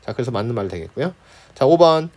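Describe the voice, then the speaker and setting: In a sing-song, mid-range voice with a little mellowness, the Korean literature tutor talks students through exam questions. His lecture is chatty and full of "right?", he scoffs at incorrect options, and he breaks into quick, playful character impressions.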